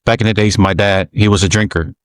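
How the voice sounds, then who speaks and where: Low voiced samoan host reminiscing, slow and halting, dry close mic. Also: male voice, clean tone, dry recording. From American Samoa. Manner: relaxed, reminiscing, halting restarts. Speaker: podcast host. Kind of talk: casual podcast storytelling.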